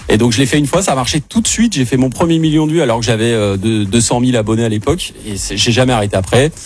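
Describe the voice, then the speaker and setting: Fast-talking husky young man. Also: medium pitch. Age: 20s. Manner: relaxed storytelling, quick and chatty. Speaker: guest content creator. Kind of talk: casual chat. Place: radio studio.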